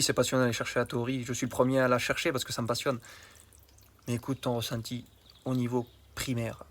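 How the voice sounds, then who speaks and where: A man, a health coach, talking to the viewer in a casual, colloquial vlog monologue with bursts of emphasis. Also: mid-range voice. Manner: colloquial and familiar, addresses the viewer directly.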